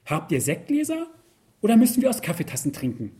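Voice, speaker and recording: A man's voice: high voice, wildly swooping pitch, quick pace, warm tone, slightly rough, pitched above the performer's own voice, heavily acted. A man voicing a cheerful, overeager woman starting a new job, in a storybook reading. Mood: giddy. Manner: bubbly, overeager.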